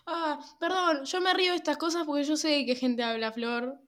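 A woman's voice: high voice, steady tone, normal speed, fairly bright tone. A woman co-hosting a podcast, asking playful, teasing questions. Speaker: podcast co-host. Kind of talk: casual chat.

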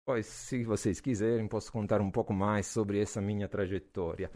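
A man in his forties from Naples with an Italian accent, a physics professor answering interview questions in a relaxed way, with frequent hesitations and fillers. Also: lowish voice, moderate pace. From Naples, southern Italy. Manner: hesitant, many "ah" fillers, laughs easily.

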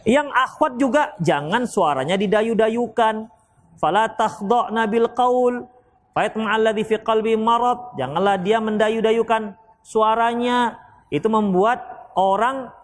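A man from Indonesia teaching an Islamic study session and answering audience questions, lively and playful as he acts out short exchanges. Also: high-pitched. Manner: lively, mimics people in quick asides, laughs along. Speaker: ustadz giving a religious study session.

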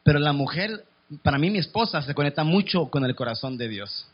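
A man's voice: a little high, animated, fairly quick, husky, dull audio. A male pastor with a Mexican accent, preaching a sermon in a church in a chatty style that keeps checking in with the congregation. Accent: Mexican Spanish. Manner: conversational preaching, asks "¿me explico?".

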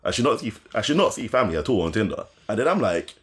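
A young man with an urban London roadman accent, telling a casual story in slangy, animated speech and repeating phrases for emphasis. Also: fairly low pitch, racing, slight background noise.

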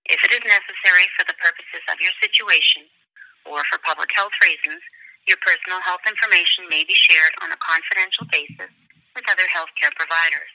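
A woman reading scripted phone menu announcements in a formal, measured way, heard over a telephone line. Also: medium pitch, big pitch swings, creaky, sharp tone, no echo. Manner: formal, measured recorded-prompt delivery. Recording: telephone line played back aloud.

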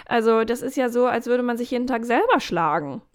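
A woman in a casual podcast chat, giving coaching advice in an animated way, acting out inner voices and adding jokey asides. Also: on the high side, fairly quick. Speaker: podcast guest.

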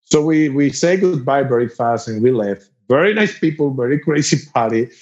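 A rock musician from Spain with a Spanish accent, spinning a casual anecdote in halting, animated English and laughing between lines. His voice sits in a middle pitch, and the recording sounds dull and lo-fi. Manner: animated, laughs through the story, halting non-native grammar.

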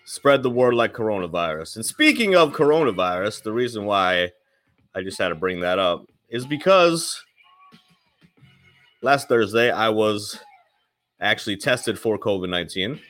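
A man's voice: on the low side, sing-song, normal speed, fairly bright tone, soft background music. A man hosting a live podcast, hyping it up, swearing and repeating his phrases, while a chest cold keeps him coughing. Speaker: podcast host. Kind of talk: casual live podcast chat.

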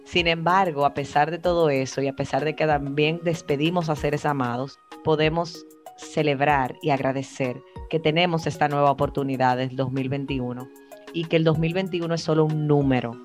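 A woman co-hosting a casual chat, speaking in a reflective, emphatic way with drawn-out phrases. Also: deep voice, fairly even intonation, soft background music. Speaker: podcast co-host. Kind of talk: casual chat among friends.

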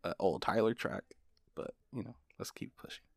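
A man's voice: fairly low pitch, normal speed, creaky, dry recording, studio quality. A young man co-hosting a podcast, teasing and laughing often in casual chat. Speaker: podcast co-host.

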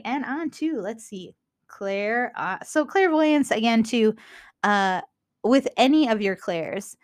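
Young Minnesotan woman, mid pitch, casual rambling host, lots of ums and restarts. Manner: rambling, with frequent fillers and self-corrections. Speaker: podcast host. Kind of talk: casual spiritual teaching talk.

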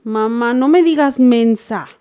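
A woman's voice: on the high side, unhurried, warm tone, clean tone, no echo, close to an everyday voice. A woman playing a nervous, fidgety young daughter, whining and pleading in a comedy sketch. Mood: whiny.

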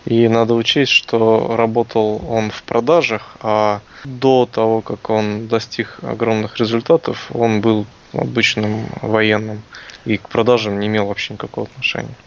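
A man's voice: lowish voice, little pitch movement, normal speed, creaky. A young man co-hosting a podcast in a casual, conversational style. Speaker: podcast co-host. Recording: dull, lo-fi sound.

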